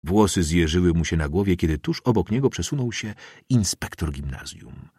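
Mężczyzna czytający powieść jako lektor audiobooka, wyważenie i ekspresyjnie. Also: male voice, sits low, slightly rough, no room sound, clean studio sound. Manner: measured, expressive reading. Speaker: audiobook narrator. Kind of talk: scripted literary narration.

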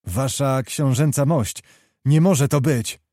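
A man's voice: mid-range voice, slow pace, warm tone, no echo, clean studio sound. A man voicing an impetuous, hot-tempered young nobleman who pleads with fervent, barely restrained passion in a storybook reading. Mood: fervent pleading.

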